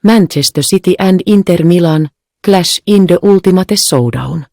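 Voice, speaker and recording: A synthetic woman's voice with a Finnish accent, narrating a movie trailer in an even delivery. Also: lowish voice, moderate pace, no room sound, studio quality, natural voice.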